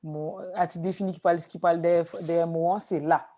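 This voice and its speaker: A woman teaching a language class, explaining slowly with repeated examples. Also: on the low side, fairly even intonation, mellow. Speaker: Haitian Creole teacher.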